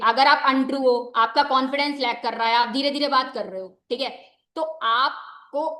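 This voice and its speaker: Reverberant audio captures a young woman with a fairly high, fairly bright voice. Wearing a mic, this network marketing trainer delivers a conversational motivational session, slipping in English phrases and repeating "ठीक है" as filler.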